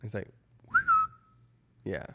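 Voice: very slow, very noisy. Crude, teasing podcast co-host. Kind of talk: casual chat.

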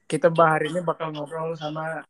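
A man's voice: fairly high pitch, completely flat delivery, fairly quick, a crowd in the background. A man co-hosting a casual podcast, bantering and teasing in a playful way. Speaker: podcast co-host.

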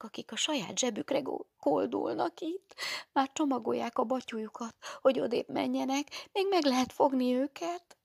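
A woman's voice: on the high side, creaky, darkish tone, husky, no echo, studio quality, voice pushed up. A woman voicing a frightened young girl, a convent school candidate, who speaks breathlessly and stammers.

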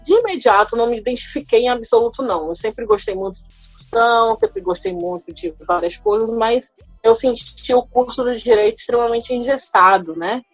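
A guest lawyer in her thirties from Salvador, Bahia, Brazil, tells her own story in a podcast interview, speaking thoughtfully and hesitantly with frequent fillers and restarts. Her higher voice is very animated, a little fast, creaky, and breathy-edged. The dry recording has soft background music.

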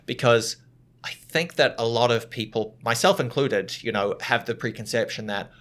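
A man's voice: medium pitch, normal speed, a bit bright. A man hosting a podcast, talking things through thoughtfully with fillers. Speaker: podcast host. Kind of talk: casual podcast chat.

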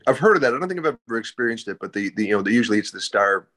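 A man's voice: medium pitch, animated, very fast, a bit bright. A man, an actor guest, telling stories in casual chat, repeating words as he searches for them.

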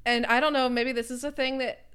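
A woman talking casually, thoughtful and quick to laugh. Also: sits high, fairly even intonation, fairly bright tone, clean tone. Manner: thoughtful, chatty, laughs easily. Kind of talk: casual chat.

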